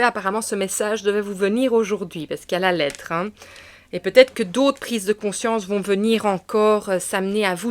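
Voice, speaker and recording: A woman talks through a tarot card reading in an unhurried, intimate way. Her voice often sinks to a murmur or a near-whisper, then lifts with sudden enthusiasm. Her pitch sits in a middle register. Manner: soft-spoken, dropping to murmurs and whispers, bursts of excitement. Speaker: tarot card reader and medium. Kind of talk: casual spiritual card reading.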